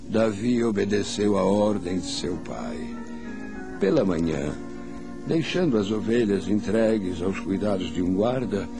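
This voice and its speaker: An older man narrating a Bible story for children as a grandfather, solemn and deliberate, in a dramatic storyteller's way. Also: on the low side. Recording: music under the voice.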